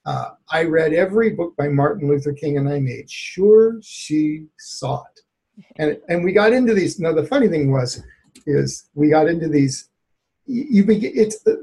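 A male therapist, a guest on an interview show, telling a personal story in an animated way and laughing often. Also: fairly high pitch, normal speed, vocal fry.

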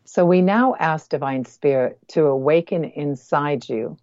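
As a guest healer, a woman leads a spoken guided meditation in a deep voice, measured and deliberate, with pauses, close to the ear and soft. The recording is dry and lo-fi.

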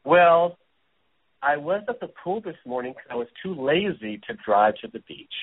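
Speaking at normal speed in a sing-song voice on the high side, this Hawaiian man in his forties is a guest on a casual talk show, interviewed from home. A business strategist, he's chatty and self-deprecating; the phone-like audio carries a little hiss or hum.

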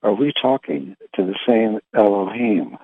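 A man leading a spiritual meditation talk, reading questions and answers deliberately in short, halting phrases. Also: lowish voice, lively intonation, breathy edge. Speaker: meditation leader. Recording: roomy, thin phone-like sound.

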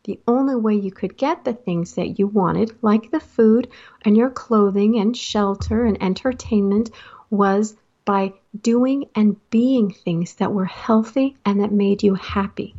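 A woman coaching people in a casual motivational talk, lively and quick to act out quotes in different voices. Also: mid-range voice, muffled recording. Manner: animated, acts out quotes and laughs often. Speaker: life coach.

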